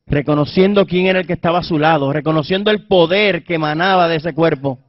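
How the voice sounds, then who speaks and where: Fervent preacher, dull dry recording. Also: male voice, on the high side, fast talker, no echo. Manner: fervent, swings between loud emphasis and hushed tones. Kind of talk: sermon.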